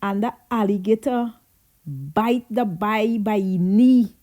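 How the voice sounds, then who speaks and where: Speaking slowly in a warm, mid-range voice, this Guyanese vlogger shares memories of growing up. The storytelling is casual and chatty, and Creole creeps in as she talks.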